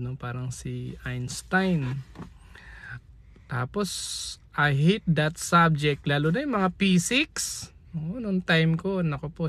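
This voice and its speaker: A middle-aged man with a Filipino accent, giving a chatty medical lesson and reading from a textbook between folksy asides. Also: fairly high pitch. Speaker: medical lecturer. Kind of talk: casual lesson in mixed Tagalog and English.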